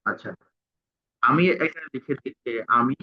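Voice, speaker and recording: A man's voice: mid-range voice, husky. A man, teaching a tutorial and dictating word by word as he types. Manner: halting, dictates word by word while typing. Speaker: instructor. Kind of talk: screen-recorded tutorial. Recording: tinny phone-like sound.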